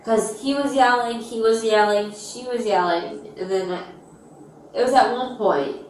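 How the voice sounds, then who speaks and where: A woman's voice: a little high, a little slow, a little hiss or hum. A young woman under arrest, anxious and pleading, rambling with frequent restarts, recorded by an officer's body camera in a police station. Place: police station holding area. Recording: echoey distant bodycam audio.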